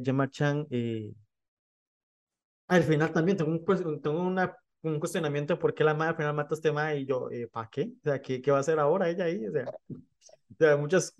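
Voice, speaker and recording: A man talks through a film in relaxed conversation. His voice sits a little high for a man, and he fills pauses with small hesitations and easy laughter. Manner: chatty, laughs often, many fillers like "este". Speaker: film podcast co-host. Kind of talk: casual film discussion.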